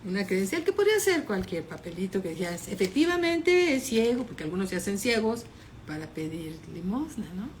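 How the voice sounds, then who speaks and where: A woman pastor preaching a fervent sermon, retelling scenes dramatically with sudden loud peaks. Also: mid-range voice, big pitch swings, fairly quick, a little hiss or hum.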